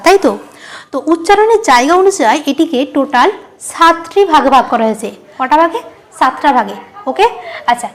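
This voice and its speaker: A woman teacher explaining a grammar lesson at a board, asking her students questions and answering them herself, repeating each key term. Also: high-pitched.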